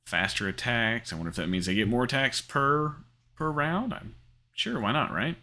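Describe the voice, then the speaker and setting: A man's voice: mid-range voice, expressive, normal speed, bright, forceful tone. A middle-aged man hosting a gaming channel, talking casually over his screen with lots of ums and restarts. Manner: rambling, many fillers and restarts. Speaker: crypto gaming channel host. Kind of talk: casual screen-share commentary.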